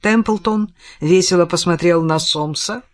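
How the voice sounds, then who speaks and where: A woman's voice: fairly low pitch, a little slow. A woman narrating a detective novel as an audiobook reader, voicing the characters in the dialogue. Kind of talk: audiobook reading.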